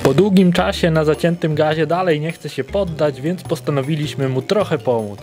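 A man's voice: a little high, moderate pace. A young man chatting and narrating a scooter test outdoors, caught on a handheld camera. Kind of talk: casual chat and commentary. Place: outdoors in a grassy field. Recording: outdoor camera audio with music. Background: music.

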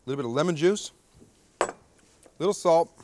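A man's voice: on the high side, lively intonation, fairly quick, background noise. A man in his thirties hosting a TV cooking show at an outdoor grill, chatty and joking, often tagging lines with "okay?". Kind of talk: jokey TV cooking demonstration. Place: outdoor backyard grill deck.

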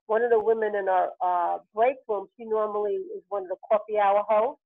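A woman's voice: mid-range voice, fairly even intonation, fairly quick, no room sound. Chatty woman on a tinny phone line. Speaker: group participant. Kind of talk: chatty anecdote.

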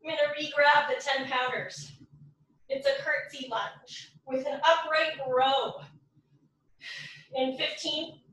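A bright-toned woman counts down reps in a slow, unhurried way, a little out of breath as she coaches a home workout. She sounds far from the mic in a very echoey room. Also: high-pitched, steady tone. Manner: cueing reps and counting down, upbeat. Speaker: fitness instructor. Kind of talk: live workout instruction. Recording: roomy echo from far off the mic.

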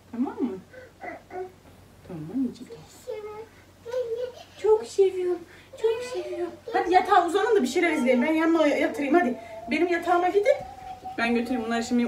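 A woman's voice: fairly high pitch, background noise. A woman vlogging at home as a mother, cooing and baby-talking to her infant and chatting to viewers. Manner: coos and baby-talks to her infant daughter. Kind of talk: casual home vlog.

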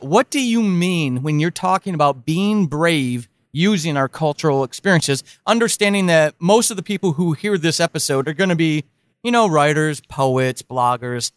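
A man's voice: on the high side, a bit bright, clean tone, no room sound. A man hosting an interview podcast, asking long, encouraging questions. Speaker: podcast host.

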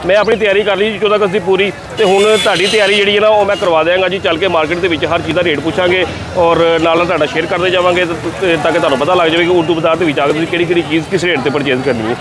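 This market vlogger, a man with a Lahori Punjabi accent, has a high voice and a steady tone, rattling along very fast with few pauses. He chats enthusiastically to his viewers while touring a busy outdoor bazaar, the crowd audible behind him.

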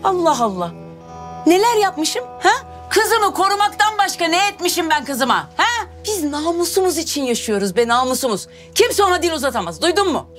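An actress playing an angry, overprotective mother who shouts and accuses a neighbor. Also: very high voice, sing-song, moderate pace, faint music behind, heavily acted. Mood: indignant. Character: furious overprotective mother, middle-aged woman. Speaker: actress in a TV drama.

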